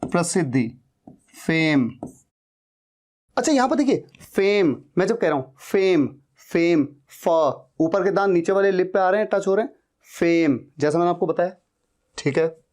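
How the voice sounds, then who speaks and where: A man teaching English pronunciation, drilling each word slowly and saying it again and again. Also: sits high, lively intonation, darkish tone. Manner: drills words slowly, repeating them. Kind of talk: pronunciation lesson.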